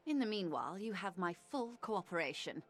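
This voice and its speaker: A woman's voice: mid-range voice, expressive, brisk, close to an everyday voice. An actress voicing a poised, polite female corporate negotiator in a game, courteous and diplomatic.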